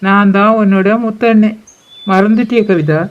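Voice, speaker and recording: A man voicing a calm, reassuring older brother in a cartoon. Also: high-pitched, moderate pace, dull audio, lightly acted. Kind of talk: cartoon voice acting.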